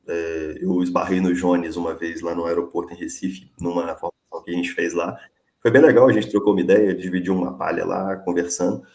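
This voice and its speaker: A man's voice: deep voice, a little mellow, reverberant. A young man with a cold, a delivery worker organizing a strike, talking in earnest and plain words as a guest on a live show. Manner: earnest, plain-spoken, many fillers. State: sick with a cold, coughing. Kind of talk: casual live interview.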